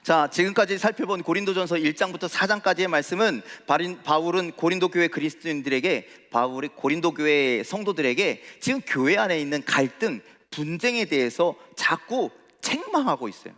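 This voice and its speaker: A man's voice: fairly high pitch, expressive, brisk, hardly any pauses, fairly bright tone. A male pastor preaching a sermon in a church, asking the congregation questions as he goes. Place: church sanctuary. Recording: reverberant church hall.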